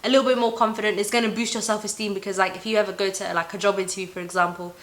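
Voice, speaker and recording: A young woman host gives advice in a loose, chatty and encouraging manner. Her voice is bright and sharp-edged at an average female pitch. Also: flat delivery, very fast. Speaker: talk show host. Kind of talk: casual advice chat.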